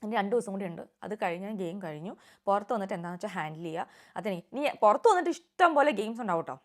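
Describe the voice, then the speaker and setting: Young woman, vlog reviewer; rapid, opinionated, drops English words in. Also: mid-range voice, lively intonation. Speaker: reality show reviewer. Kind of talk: casual vlog commentary.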